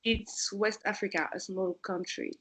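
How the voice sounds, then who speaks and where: Podcast guest, woman, dance teacher, unhurried, mid-pitched voice, relaxed answers. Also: slightly rough, low-quality recording. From France. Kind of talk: casual interview answers.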